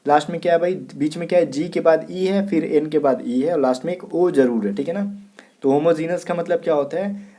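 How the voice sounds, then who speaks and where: A man's voice: fairly high pitch, mellow. A man from India teaching an exam prep lesson, spelling words out letter by letter and checking in often with his students. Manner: repeats "theek hai" often, spells letters out slowly.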